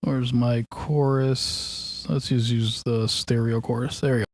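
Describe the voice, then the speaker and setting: A mixing engineer talks casually through a song mix as he works, his mid-range male voice fairly even and slow. He thinks aloud in a loose, offhand way with lots of fillers, and there's background noise.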